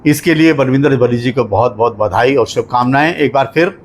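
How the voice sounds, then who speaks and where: A man giving a formal spoken review of a poetry book at a literary discussion, measured and explanatory, working through examples. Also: mid-range voice, a little hiss or hum.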